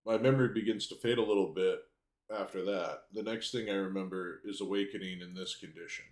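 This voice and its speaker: A man's voice: low-pitched, brisk, a little mellow, echoey room, voice pushed up, lightly acted. A man voicing a talkative, cheerful severed head from a game, speaking in polite archaic English. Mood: wistful, marvelling. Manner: archaic, polite, unbothered speech. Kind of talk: game dialogue read aloud.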